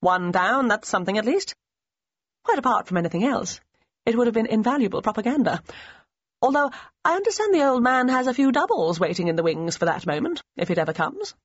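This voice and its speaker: A woman narrator voicing a brisk, unflappable female spy trainer, speaking crisply and firmly in a lifted voice. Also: on the high side, sing-song, no room sound, voice pushed up. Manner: crisp, firm and clipped. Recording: slightly muffled audio.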